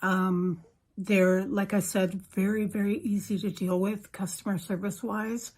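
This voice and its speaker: A woman talks informally to the camera in a review. Her voice sits at a middle pitch with a husky, slightly rough texture. A slight lisp colours her speech, and her manner is pleased and reassuring. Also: level tone, a little slow, darkish tone. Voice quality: slight lisp from new veneers. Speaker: product reviewer. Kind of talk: casual chat to camera.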